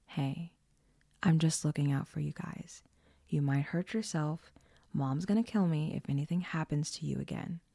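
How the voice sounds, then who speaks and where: A woman's voice: fairly low pitch, moderate pace, warm tone, no echo, studio quality. A woman voicing a stern, responsible older sister who scolds and protects her brothers. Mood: gentle.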